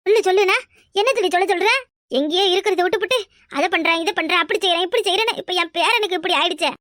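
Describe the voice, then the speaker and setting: Nagging old cartoon granny with a Tirunelveli Tamil accent, high squeaky voice, rattles off scolding fast, woman voicing her. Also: a bit bright, dry recording, studio quality. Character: quarrelsome old grandmother, sharp-tongued.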